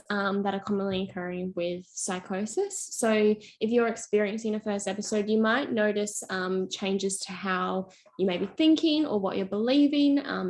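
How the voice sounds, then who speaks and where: A young woman presents a youth mental health workshop. She explains things in an encouraging way, with ordinary fillers. Her voice has a mid pitch. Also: a little mellow.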